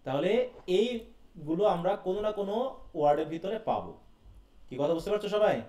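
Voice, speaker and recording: A man's voice: high voice, lively intonation, moderate pace, mellow. A man teaching an online class, quizzing students and calling on them by name. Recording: roomy echo from far off the mic.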